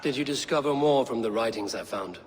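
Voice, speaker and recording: An actor playing a grim, defiant Norse warrior in a video game cutscene, terse, stern and wry. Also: male voice, medium pitch, fairly quick, slight background noise, natural voice. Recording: music behind the voice.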